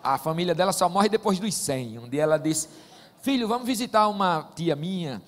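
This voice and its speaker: A man's voice: high voice, expressive, normal speed. A man, preaching as a pastor and telling stories in a folksy, joking way. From Northeast Brazil. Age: 40s. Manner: warm joking storyteller, folksy asides. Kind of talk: sermon. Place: church sanctuary. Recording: long church-hall reverb.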